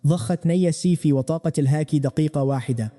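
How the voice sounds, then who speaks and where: A male narrator retells a fantasy comic in first person, scripted and dramatic. He talks very fast in a slightly high register. His voice has a deep, dark colour. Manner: dramatic, rapid storytelling.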